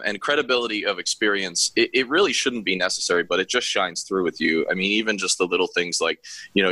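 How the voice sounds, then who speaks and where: A podcast host wraps up a casual interview in a wordy, effusive ramble full of fillers. His low-pitched voice sounds pushed and bright, with no echo but poor audio.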